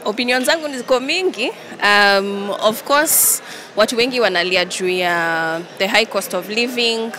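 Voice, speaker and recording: Her mid-range voice sounds pushed and bright as this young Kenyan-accented woman speaks at normal speed into reporters' handheld microphones. It is an impromptu media interview in a large indoor event hall, switching between English and Swahili, with the busy hall clearly audible.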